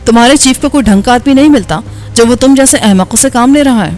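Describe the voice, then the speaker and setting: A woman's voice: a little high, faint music behind, natural voice. A woman voicing Gloria, a furious scornful woman. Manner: sharp, contemptuous and shouting. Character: angry scornful young woman gang member.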